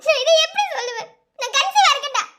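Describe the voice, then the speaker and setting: A woman performs a flustered, teasing young cartoon character with a Madurai Tamil accent, sounding whiny, giggly and tearful. Her voice is very high and bright, and she speaks fast with a forceful, expressive, heavily acted delivery.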